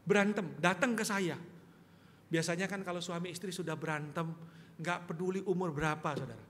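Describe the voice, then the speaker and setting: A male pastor with a high, fairly bright voice and fairly even intonation preaches quite quickly in a church sanctuary. His sermon is conversational, full of rhetorical questions fired at the congregation, and the hall is reverberant with faint ambience.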